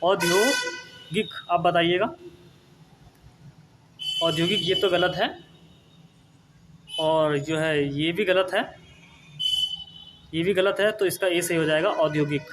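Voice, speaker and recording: Male tutor, higher register, methodical quiz walkthrough, repeats words and checks in. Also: takes it slowly, pauses often, background noise. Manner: repeats words, asks and answers, tag "ठीक है ना". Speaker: teacher. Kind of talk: exam-prep spelling lesson.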